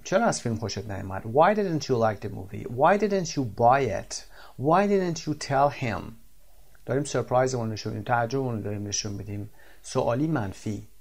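Male tutor, explaining grammar, slow and deliberate on the example sentences. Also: mid-range voice. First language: Persian. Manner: explains in Persian, reads English examples slowly and carefully. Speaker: English teacher. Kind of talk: recorded grammar lesson.

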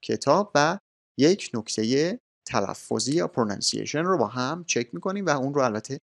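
A man teaching an English grammar lesson, explaining patiently and formally, slowing down for example sentences. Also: medium pitch, animated, vocal fry.

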